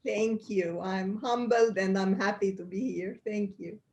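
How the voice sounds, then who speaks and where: Being interviewed as a guest, this middle-aged pediatrician from Egypt gives earnest explanations with frequent restarts. She speaks in a steady, mid-range voice at a measured pace, with a darkish tone.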